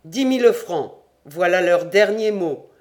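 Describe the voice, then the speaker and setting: A man voicing a gruff, blunt smuggler dressed as a bear, in an audiobook. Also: high voice, animated, a little slow.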